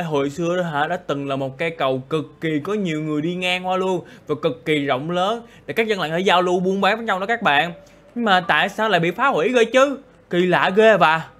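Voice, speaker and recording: Excitable gamer man. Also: on the high side. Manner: excitable, exclamatory, chatty asides to viewers. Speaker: gaming YouTuber. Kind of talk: Minecraft role-play commentary.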